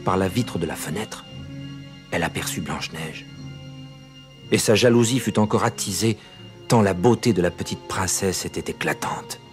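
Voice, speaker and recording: A man narrating a fairy tale in a measured, expressive storytelling manner, with soft music behind. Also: low-pitched.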